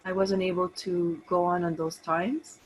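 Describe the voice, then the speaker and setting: Speaking unhurriedly in a level, low-ish voice, a middle-aged woman from Canada joins an online call as a participant through her laptop without a camera. She is a massage therapist, and her talk is casual and personal. There's a little hiss or hum in this rough recording.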